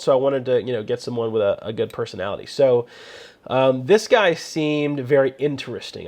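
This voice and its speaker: A man with a mid-range voice tells a relaxed photography story, rambling and chatty. He keeps dropping in "you know" as he goes, sounding like a host talking straight to his viewers. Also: medium pitch. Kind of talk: casual storytelling with photography tips.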